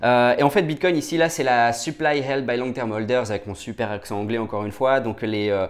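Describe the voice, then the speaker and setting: Speaking fast in a mid-range voice, a market analyst walks casually through price charts. He restarts sentences, leans on fillers, and keeps asking "d'accord?"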